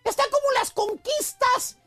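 A man voicing a cheeky male advice "maestro" in a comic radio segment, with a Mexican accent and rapid, mocking slang. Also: extremely high pitch, music in the background. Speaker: radio comedy host.

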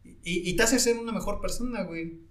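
A man's voice: high-pitched, fairly quick. A man with a Mexican accent, a private driver, telling anecdotes in casual chat and acting out the people in them. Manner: animated storyteller, acts out voices in anecdotes.

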